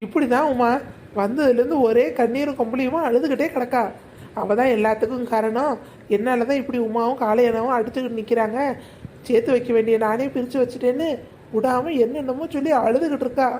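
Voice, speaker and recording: A woman voicing a caring village woman in a cartoon, gently scolding and consoling her friend. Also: on the high side, brisk, slight background noise, close to an everyday voice. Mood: worried. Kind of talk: cartoon voice acting.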